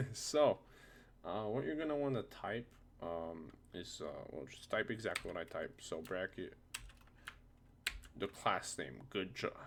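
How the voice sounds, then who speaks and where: At a computer indoors, a low-pitched man gives an animated yet measured software tutorial, casual and screen-recorded, hesitating and thinking aloud. The home desktop recording is noisy, full of keyboard clicks, typing and background noise.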